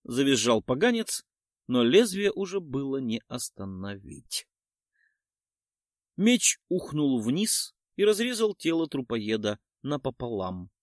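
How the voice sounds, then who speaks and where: A man narrating an audiobook in first person, wry and matter-of-fact with slangy asides. His mid-pitched voice moves lively up and down. The close mic gives a dry, studio-like sound. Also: takes it slowly, no echo.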